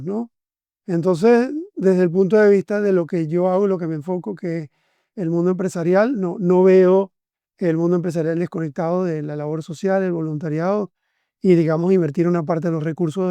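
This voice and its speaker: A Venezuelan man hosts a podcast interview, chatting conversationally with effusive enthusiasm. His voice is high, mellow and smooth, and the recording is dry.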